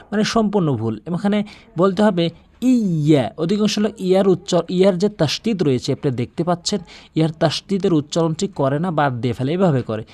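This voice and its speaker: A man giving a recitation lesson, explaining common pronunciation mistakes and then drawing out each word slowly and with stress. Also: fairly high pitch, a little mellow. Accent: Bangladeshi Bengali. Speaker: Quran teacher.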